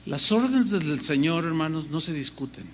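A man preaching a sermon in an animated way, acting out the voices of God and believers. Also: on the high side, moderate pace, a little hiss or hum. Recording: long hall reverb.

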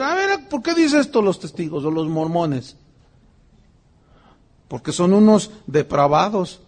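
A middle-aged man with a Mexican Spanish accent, preaching a sermon and telling stories with acted-out voices. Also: high-pitched. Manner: animated storytelling, acts out voices. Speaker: pastor.

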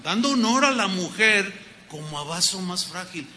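A man's voice: sits high, normal speed. A Mexican man preaching a folksy, joking sermon as a pastor. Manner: lively, folksy, joking, acts out little scenes. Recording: long hall reverb.

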